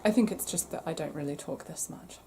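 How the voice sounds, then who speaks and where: A woman hosting a crochet podcast, chatting casually to camera with a croaky throat she keeps clearing, apologetic and self-deprecating. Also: low voice, brisk, mellow, slight background noise. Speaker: podcast host.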